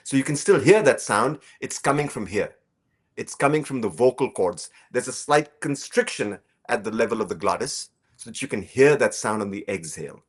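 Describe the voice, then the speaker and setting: A man teaching a yogic breathing technique, explaining calmly and slowly, then softly guiding a practice. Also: medium pitch, husky. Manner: calm, slow explanatory teaching with drawn-out phrases; soft guiding instructions during practice. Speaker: breathing instructor. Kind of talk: guided breathing lesson.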